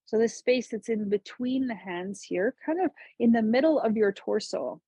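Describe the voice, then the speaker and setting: A woman teaching a seated yoga class, giving calm, gentle cues to breathe and move. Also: fairly high pitch, normal speed, husky, dry recording. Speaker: yoga instructor. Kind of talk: guided chair yoga instruction.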